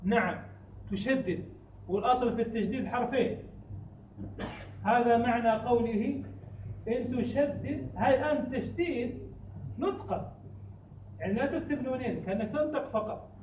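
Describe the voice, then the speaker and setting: Male grammar teacher, high voice, heard from a distance, keeps quizzing his class. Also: a little mellow, slight background noise. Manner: quizzes students with repeated questions; chants verse lines slowly. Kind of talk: classroom lesson. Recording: echoey room, distant mic.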